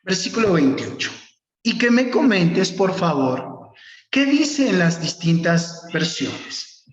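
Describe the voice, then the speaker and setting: A man's voice: sits high, very animated. A man teaching a preaching workshop online, reading scripture and calling on students by name. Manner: slow, instructive, calls on students by name. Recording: echoey, dull lo-fi room sound.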